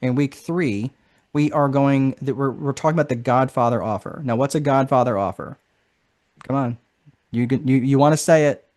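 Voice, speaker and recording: A marketing strategist presents a course in a live online information session, casual and chatty and constantly adding "right?". His voice is mid-range and a little mellow, at a normal speed.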